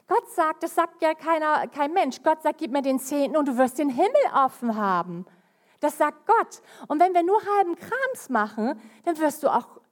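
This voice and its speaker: Emphatic woman preaching a sermon. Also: high-pitched. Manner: lively, emphatic preaching with sudden rises and drops in loudness.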